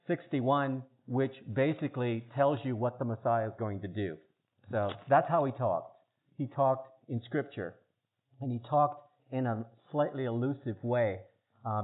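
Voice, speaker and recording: Earnest man on a tinny phone line. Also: mid-range voice. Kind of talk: casual explanatory talk.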